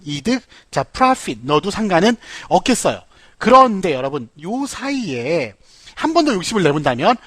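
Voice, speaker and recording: A man teaching English vocabulary in a lively lecture, playful and full of puns. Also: high voice, dry recording. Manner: animated, playful, jokes and puns, addresses viewers as 여러분.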